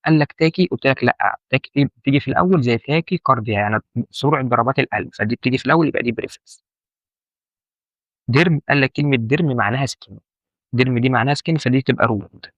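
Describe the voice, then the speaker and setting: A man with an Egyptian Arabic accent teaches medical terminology informally, racing along in a medium-pitched voice. He repeats key points and quizzes the listener; the sound is lo-fi with no room sound.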